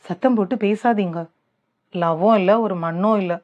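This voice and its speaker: A woman voicing an earnest young woman who is quick to tears, in pleading, defensive everyday speech from an audiobook. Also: mid-range voice, dull audio, natural voice.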